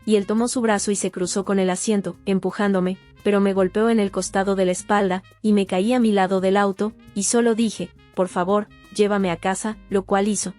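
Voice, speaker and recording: A woman narrating a first-person testimony as a voice-over, in a steady, sober storytelling manner. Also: mid-range voice, a little fast, hardly any pauses. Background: faint guitar music.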